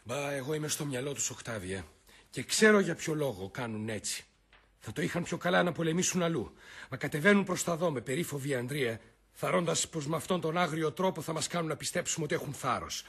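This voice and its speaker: Gravelly, sharp Mark Antony. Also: male voice, a little high, expressive, heavily acted. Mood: scornful. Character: Mark Antony, Roman general, scornful. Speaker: radio drama actor. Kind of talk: classic radio drama acting.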